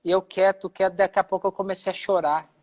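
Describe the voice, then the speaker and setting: A man's voice: high voice, flat delivery, quick pace, highs cut off. A man with a Brazilian Portuguese accent, a pastor giving a personal testimony in a live conversation, who acts out the dialogue he quotes.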